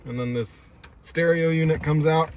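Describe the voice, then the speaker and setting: A DIY installer presents his project as a casual, methodical how-to, explaining each step while working inside a car. His voice is on the high side at a normal speed, with clear background noise from the car's interior.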